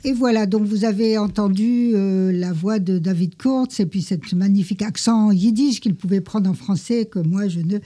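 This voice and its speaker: Husky woman explaining jokes slowly, mellow tone. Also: mid-range voice. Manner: slow, halting explanation. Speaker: presenter.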